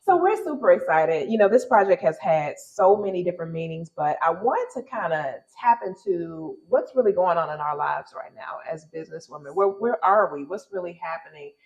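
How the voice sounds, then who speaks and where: A woman's voice: on the low side, animated, a little fast, hardly any pauses, a little mellow, poor audio. A woman from Detroit hosting a casual panel talk, emphatic and encouraging with many affirmations. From Detroit, Michigan. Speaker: host.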